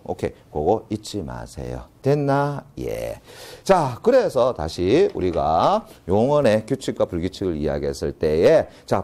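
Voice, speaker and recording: A man's voice: on the low side, warm tone. A male teacher giving a grammar lecture, often checking in with students and answering his own questions, drawing out key terms. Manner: constant check-in questions, answers them himself; drawn-out stressed key terms.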